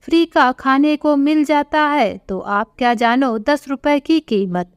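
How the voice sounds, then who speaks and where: A woman's voice: high voice, measured pace, no echo, clean studio sound. A woman voicing a spiteful, scheming young daughter-in-law who taunts her mother-in-law in a spoken story. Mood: scolding. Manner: sharp, taunting.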